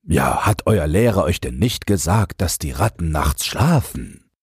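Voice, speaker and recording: A man reading a gruff, kindly old rabbit keeper. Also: low voice, sing-song, measured pace, no room sound, clean studio sound, exaggerated voice. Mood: coaxing. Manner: gentle, gruff, coaxing. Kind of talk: audiobook character voice.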